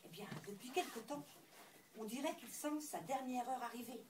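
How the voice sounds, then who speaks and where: Woman, comic stage monologue, high voice, swooping pitch, distant mic, roomy hall, faint hiss. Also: normal speed. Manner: lively storytelling with wordplay. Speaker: stage performer. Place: indoor stage before an audience.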